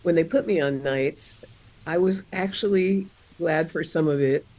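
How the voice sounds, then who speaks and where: An older woman, raised around Philadelphia, talking candidly and reflectively as a guest, often halting mid-thought and laughing easily. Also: sits low, a little mellow, low-quality recording. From born in Arizona, raised in Philadelphia area. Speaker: guest, radio jazz presenter. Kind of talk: candid interview conversation.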